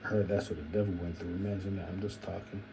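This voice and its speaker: A man's voice: low voice, flat delivery, fast talker, gravelly, noisy background. A man hosting his own channel, rambling through a half-joking solo commentary and repeating himself with musing asides. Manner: repetitive, musing, keeps saying "imagine that". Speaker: channel host.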